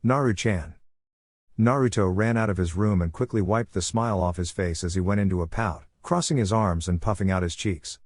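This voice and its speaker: A man reading a fan-written story aloud in a steady, even narration. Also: sits low, brisk, hardly any pauses, no room sound, clean studio sound.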